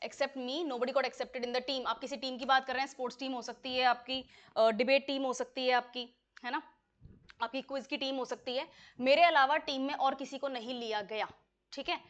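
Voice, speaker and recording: A woman's voice: high voice, steady tone, brisk, a bit bright, lo-fi sound. A woman teaching an English exam-prep lesson in Hindi, explaining words step by step and often checking that students follow.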